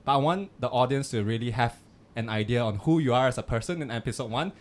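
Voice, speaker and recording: A young man hosts a casual podcast interview, speaking fast at a medium pitch. His phrasing is chatty and loose, with frequent fillers.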